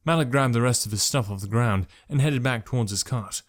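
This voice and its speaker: A man reading a novel aloud in a measured, even storytelling manner. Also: mid-range voice. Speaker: narrator. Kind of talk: scripted narration.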